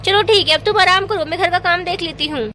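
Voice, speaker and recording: Woman voicing a village mother, caring, scolding, firm, high voice, doll story. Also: fast, pushed and bright, faint music behind.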